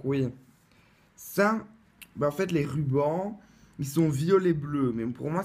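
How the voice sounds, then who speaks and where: A man's voice: medium pitch, darkish tone. A man talking casually to camera as he unboxes a replica wand, chatty and hesitant, with lots of fillers and restarts. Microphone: camera mic, close-up.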